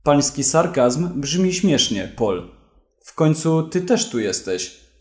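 A mocking, self-satisfied crook, once a polished bank manager, read by a man. The lines come slowly and deliberately. They sit in a roomy, echoing space. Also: on the high side, sing-song, darkish tone. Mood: smug. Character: smug male ex-bank manager turned crook. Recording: roomy echo.

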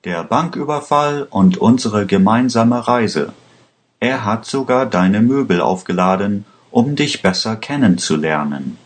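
A man's voice: fairly low pitch, expressive, measured pace. Man putting on a vengeful armed woman. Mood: commanding.

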